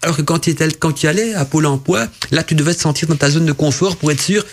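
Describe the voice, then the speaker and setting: This non-native French speaker hosts a radio show where he reads listener messages and interprets their dreams in a loose, rambling style full of fillers and restarts. He talks fast in a voice on the high side, and there's a little hiss or hum.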